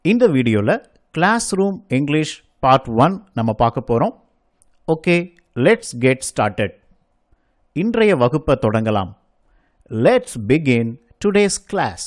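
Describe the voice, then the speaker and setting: Male English teacher, slow deliberate model phrases with an animated lilt. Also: mid-range voice. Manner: says each sentence in Tamil, then slowly and clearly in English. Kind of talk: bilingual language lesson.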